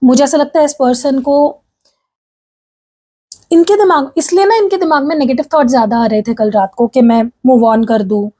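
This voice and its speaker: A woman reads tarot in a casual chat with her viewers, keeping her voice high but soft and mellow. She slips English phrases into her talk and keeps checking in with her listeners. Her throat is sore as she speaks. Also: normal speed. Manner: chatty, addresses viewers as "guys", frequent "theek hai?"; mixes English phrases into Hindi speech. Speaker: tarot reader.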